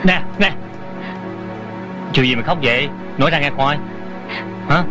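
A man's voice: a little high, measured pace, close to an everyday voice. A voice actor dubbing a teasing but caring young man who banters with and coaxes a friend, over a music score. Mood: coaxing. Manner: bantering and coaxing. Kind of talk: Vietnamese dub of a Hong Kong TV drama.

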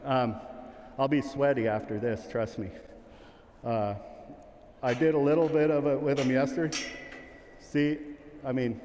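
A middle-aged man's medium-pitched, darkish voice carries fairly even intonation, coming a little slowly with long pauses over slight background noise. He's giving a casual, joking live demonstration of sheepdog training, calling commands to his dog in a big indoor arena with long, echoing reverb.

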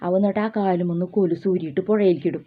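A woman's voice: lowish voice, fairly even intonation, rapid-fire. A woman, telling a children's folk tale in a homely, repetitive way. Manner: homely, repetitive, with many fillers and restarts. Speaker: storyteller. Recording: tinny phone-like sound.

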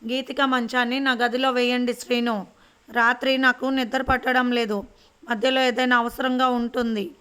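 Old grandmother figure, woman narrator doing the voice, stern, loud scolding, high but flat voice, storybook reading. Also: moderate pace, smooth. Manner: scolding, shouting. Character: stern angry old grandmother, head of house.

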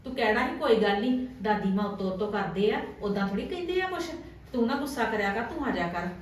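A woman's voice: medium pitch, animated, fast, slight background noise, close to an everyday voice. A woman playing a young wife who argues back at her mother-in-law in an amateur family drama skit. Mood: worried. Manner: pleading, then argumentative. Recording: very echoey room, from far off.

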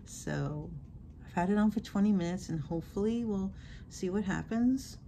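A woman's voice: medium pitch, normal speed, warm tone, a little hiss or hum. A middle-aged woman vlogging a casual product review, thinking aloud as she talks through a sheet mask. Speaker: beauty vlogger.

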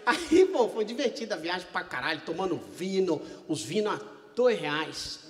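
On stage at a live show in a large hall, a male stand-up comic tells a story, acting out its characters with lots of energy and plenty of swearing. His voice is high-pitched and his pace moderate.

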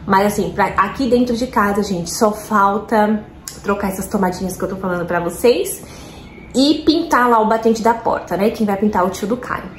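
A Brazilian woman vlogging at home, chatting excitedly to her viewers with lots of fillers. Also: medium pitch, normal speed. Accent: Brazilian Portuguese. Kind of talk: casual chat. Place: at home, roomy indoor space. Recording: echoey room, faint background noise.

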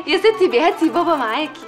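An actress playing a cheerful young newlywed daughter, speaking in Egyptian Arabic in an affectionate, bubbly way. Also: female voice, sits high. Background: music.

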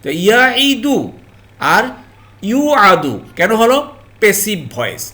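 Slow, patient male Quran grammar teacher. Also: sits high, sing-song, sharp tone. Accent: Bangladeshi Bengali. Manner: slow, repetitive explanation with frequent "ji" and "alhamdulillah"; addresses viewers as "priyo mohtaram" and checks understanding. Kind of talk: online grammar lesson.

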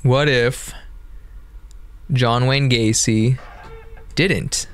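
A man's voice: medium pitch, steady tone, very slow, a bit bright, clear, resonant tone. A man giving casual, playful, teasing commentary while playing a horror game. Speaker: gameplay commentator.

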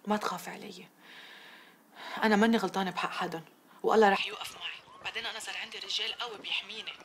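A woman's voice: medium pitch, fairly even intonation, racing, slight background noise, close to an everyday voice. An actress playing a defiant young woman who has just married, speaking. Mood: tender. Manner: defiant, then soft and whispery on the phone. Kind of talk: TV drama acting.

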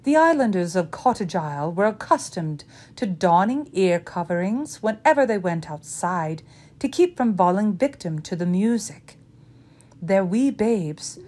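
A woman's voice: fairly low pitch, darkish tone. A woman reading a storybook tale aloud in a dramatic, old-fashioned telling.

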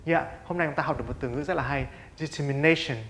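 A man's voice: fairly high pitch, fast talker, a bit bright, slight background noise. A Vietnamese-speaking man teaching an English lesson. He keeps asking rhetorical questions, answers them himself and drills pronunciation by repeating words. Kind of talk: classroom-style English lesson.

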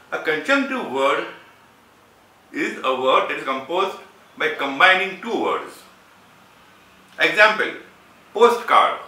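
A man giving scripted analytical commentary in a measured, explanatory way, leaning hard on key words. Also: a little high, sharp tone, far from the mic. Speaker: video essayist reviewing a debate. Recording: roomy sound from away from the mic.

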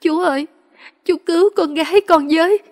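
A woman's voice: high-pitched, animated, normal speed, big-room sound, pitched above the performer's own voice. A woman reading a story aloud, voicing a desperate young mother who begs tearfully for help. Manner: pleading, tearful.

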